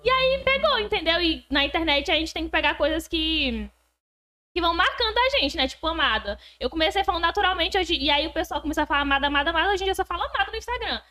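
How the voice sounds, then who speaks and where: A young woman chatting as a podcast guest, talking in a fast, rushed way. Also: extremely high pitch, big pitch swings, sharp tone. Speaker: guest influencer. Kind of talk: casual podcast chat.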